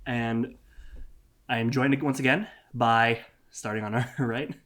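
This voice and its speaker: A man hosting as dungeon master, narrating a tabletop game casually in halting, improvised phrases. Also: mid-range voice, fairly even intonation, fairly bright tone.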